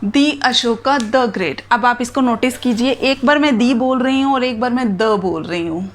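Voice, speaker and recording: A woman's voice: a little high, a little fast. A woman teacher giving a grammar lesson, spelling out letters and examples one at a time.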